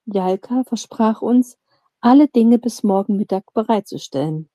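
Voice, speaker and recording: A woman reads a fantasy audiobook aloud in a calm, measured way. Her voice is mellow and dark, close and dry with no room sound. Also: on the high side, dry recording. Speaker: narrator. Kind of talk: audiobook reading.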